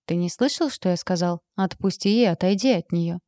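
A woman reading the part of a calm, menacing young male alpha wolf who speaks slowly and coldly. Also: lowish voice, dry recording, clean studio sound, close to an everyday voice. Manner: slow, cold, commanding.

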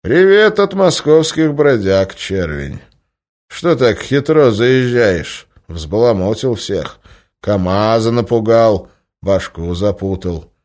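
A man voicing an old, sickly male crime boss, sly and cruel, with a creaky voice and slow, weighty speech. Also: on the low side, lively intonation, a little mellow. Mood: commanding. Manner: slow, drawn-out authority.

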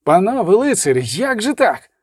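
A man's voice: high voice, very animated, moderate pace, darkish tone, no echo, studio quality. A man voicing a furious middle-aged bishop barking angry orders at fleeing troops.

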